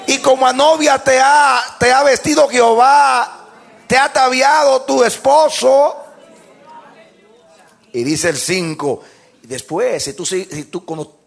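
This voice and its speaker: High-pitched man preaching with fire. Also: slow pace, gravelly, long pauses. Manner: loud impassioned preaching with call-and-response. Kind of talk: fervent sermon.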